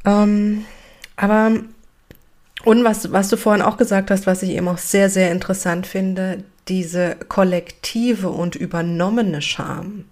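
A woman's voice: mid-range voice, steady tone, a little slow, darkish tone. A woman hosting an interview conversation, engaged, summarizing what she has heard and asking questions. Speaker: host.

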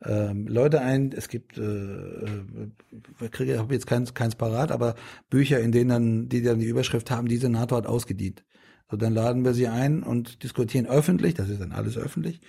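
Gravelly low-toned German-speaking man. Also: fairly quick, warm tone. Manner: rambling, many restarts and fillers. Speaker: politician guest. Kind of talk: casual interview talk.

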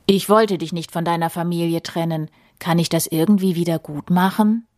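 A woman doing a booming playful wind. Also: fairly even intonation, moderate pace, darkish tone, no echo, studio quality, close to an everyday voice. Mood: remorseful. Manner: booming and apologetic. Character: big boisterous male wind, playful but sorry. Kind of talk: bedtime story voice.

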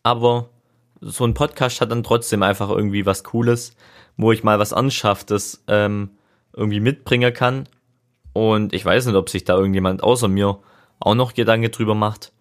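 A young man hosts a casual solo podcast in a somewhat low voice. He speaks informally and reflectively, thinking aloud as he goes. His talk rambles loosely from one thought to the next. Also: steady tone, normal speed. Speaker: podcast host. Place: seated, leaning back in a chair.

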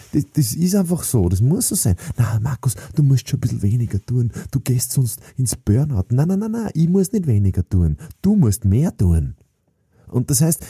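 A man's voice: medium pitch, mellow, breathy edge, dry recording, clean studio sound. A middle-aged man, giving an emphatic, preachy motivational podcast monologue with many fillers and restarts. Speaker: sales trainer and podcast host.

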